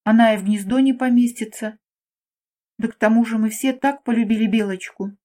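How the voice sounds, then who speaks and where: A woman's voice: on the high side, fairly even intonation, brisk, warm tone, close to an everyday voice. A woman voicing a big mother bird from a children's storybook, stern and threatening, later sorry. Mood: pleading. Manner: threatening then apologetic.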